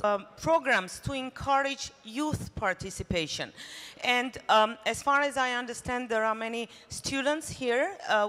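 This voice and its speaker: A woman's voice: fairly high pitch, a bit bright. A woman from Armenia presenting at a conference in English, friendly and speaking directly to the audience. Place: conference hall. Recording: reverberant hall.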